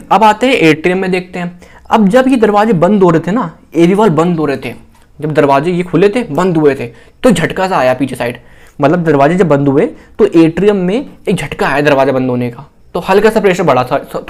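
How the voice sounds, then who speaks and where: A man's voice: sits high, darkish tone. Indian man teaching, quizzing and repeating. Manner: repeats phrases and quizzes the listener. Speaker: physiology teacher. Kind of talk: casual classroom lecture.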